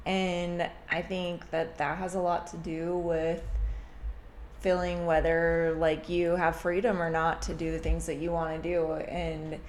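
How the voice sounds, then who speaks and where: A woman's voice: fairly low pitch, level tone, a little slow, a little hiss or hum. A woman co-hosting a casual couple chat, explaining her view in a reflective way. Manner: reflective, explaining, laughs easily. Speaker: podcast co-host. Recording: echoey room.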